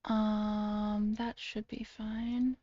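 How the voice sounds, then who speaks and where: A woman's voice: medium pitch, little pitch movement, drawn-out words, warm tone, no room sound, highs cut off. A tired, sleepy-sounding woman hosting a casual voice call, hesitant and full of ums and restarts. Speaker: video creator hosting a call.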